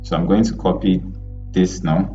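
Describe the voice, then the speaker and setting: A male web development instructor teaching a live online lesson over a group voice call, talking in a halting way with many fillers and restarts. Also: low-pitched, steady tone, dark tone, lo-fi sound, soft background music. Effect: heard over an online group voice call.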